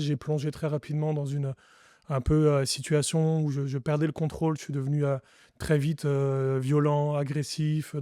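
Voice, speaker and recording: Appearing as a podcast guest, this pastor from France shares his testimony in an interview, earnest and reflective and often restarting. His voice is on the high side and mellow, captured in a dry, clean studio recording.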